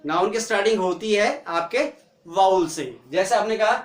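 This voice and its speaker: A man's voice: sits high, moderate pace, reverberant. A man teaching an English grammar lesson in Hindi, asking rhetorical questions and answering them himself. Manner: mixes Hindi with English example phrases.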